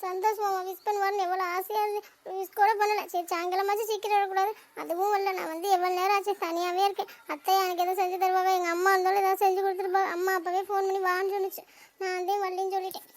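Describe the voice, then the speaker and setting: Brief: woman playing a mouthy young cartoon wife, very high, even-pitched, rattling her lines off quickly. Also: a little hiss or hum. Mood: sulking. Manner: fast, teasing, talkative. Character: chatty young wife Meena, sharp-tongued and sulky.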